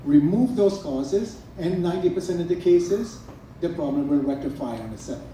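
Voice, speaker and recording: A middle-aged man from Trinidad and Tobago talks to a live audience as a naturopath, earnest and emphatic as he lists item after item. His voice is dark but sits a little high. It comes from a distance in a very echoey room with faint noise underneath. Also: lively intonation, normal speed. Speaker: naturopath speaking at a product event. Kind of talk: promotional speech to a live audience.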